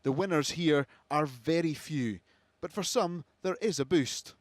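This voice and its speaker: Man, news reporter. Somewhat high-pitched voice, broadcast report delivery. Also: a little slow, dry recording.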